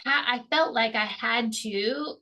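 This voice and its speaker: A woman's voice: a little high, slow, sharp tone, highs cut off. A young adult woman hosting a solo podcast, talking candidly and emotionally, swearing freely and laughing at herself. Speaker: podcast host. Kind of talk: casual solo podcast monologue.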